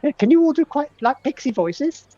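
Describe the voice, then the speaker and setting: A man voicing a tiny, eager male pixie greeter with an excitable, halting, welcoming manner in a tabletop fantasy game. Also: very high-pitched, dry recording, muffled recording, pitched above the performer's own voice. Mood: delighted.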